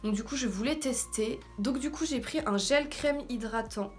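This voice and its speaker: A woman's voice: on the high side, normal speed, faint music behind. A woman with a French accent, also on English words, giving an informal, slangy, self-deprecating beauty haul chat. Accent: French, heard also in her English. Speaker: beauty vlogger. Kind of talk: casual haul video chat. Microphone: camera in front of her with ring light.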